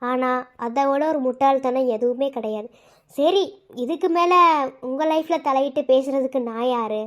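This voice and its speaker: A blunt young cartoon man laying down hard truths, as a woman voices him. The voice is high for a man, steady and lecturing. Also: normal speed, lightly acted. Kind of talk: cartoon voice acting.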